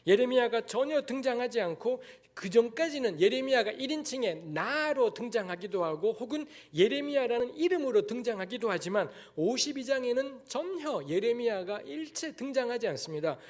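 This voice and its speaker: A man from Daegu, South Korea, preaches a lecture-style sermon as a guest in a church sanctuary, speaking bluntly and candidly with frank asides. His voice is very high with lively intonation, and he keeps a moderate pace with few pauses.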